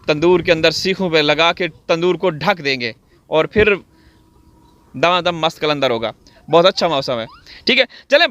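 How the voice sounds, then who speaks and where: A man's voice: a little high, a bit bright. A man from Pakistan giving sarcastic, theatrical commentary outdoors, speaking straight to his viewers. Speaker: video commentator. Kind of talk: mocking commentary. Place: outdoors on wet farmland.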